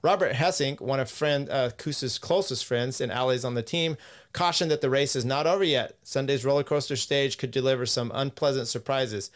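A man's voice: mid-range voice, normal speed. A man hosting a podcast in casual chat, rambling, swearing and laughing as he reads out news quotes. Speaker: podcast host.

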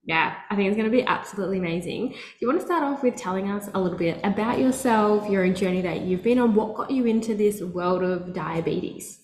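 A woman's voice: mid-range voice, brisk, few pauses, a little mellow, slight background noise. A woman hosting a wellness podcast, speaking in an upbeat, enthusiastic way, first in a scripted intro and then in casual conversation. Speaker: podcast host and nutritionist. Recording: roomy echo, faint music.

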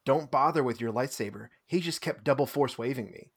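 A man talking in a relaxed, rambling way, poking fun at himself and breaking into laughter. His voice sits at an ordinary middle pitch, and the talk is loose and conversational. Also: brisk, slightly rough. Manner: rambling, self-deprecating, laughs often. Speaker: podcast co-host. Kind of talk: casual chat recapping a tabletop tournament.

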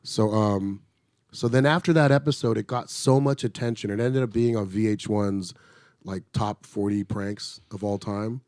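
Low-voiced man telling a lively story. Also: normal speed, no room sound, studio quality. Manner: animated, acts out quoted voices, swears freely. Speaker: actor telling a show-business story. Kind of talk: casual storytelling chat.

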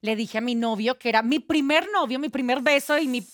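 Candid thirties woman guest reading questions, a bit high-pitched, dry studio mic. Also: fairly quick, dry recording. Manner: candid, reads fan questions aloud. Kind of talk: casual chat.

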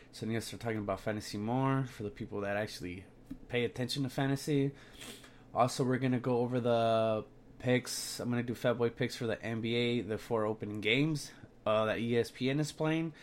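Young man, frat-bro slang, casual sports podcast host, brash and sweary, a bit sick, mid-pitched voice. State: sick and tired.

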